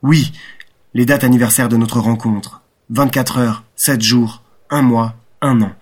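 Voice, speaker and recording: A man's voice: medium pitch, steady tone, unhurried, a little mellow, slightly rough. A man reading a young romantic's impassioned, ironic inner monologue. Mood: exalted. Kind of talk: audiobook reading.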